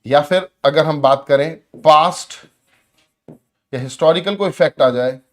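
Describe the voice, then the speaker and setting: A man's voice: on the high side, a little slow. A man teaching English grammar for exams. He asks his own questions, answers them step by step, and calls his students friends. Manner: addresses students as friends and brother. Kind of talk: exam-prep grammar lesson.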